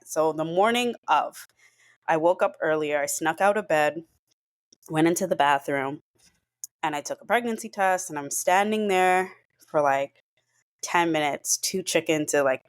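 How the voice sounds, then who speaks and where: A young woman as a podcast guest, telling a personal story in an earnest, emotional way, with lots of filler words. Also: low voice. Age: young adult.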